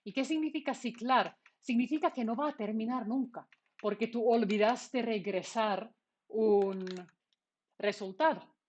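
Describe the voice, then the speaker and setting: Her voice sits on the high side and stays unhurried as she gives an online programming lecture. The Finnish lecturer builds the explanation step by step, answering the questions she puts to herself.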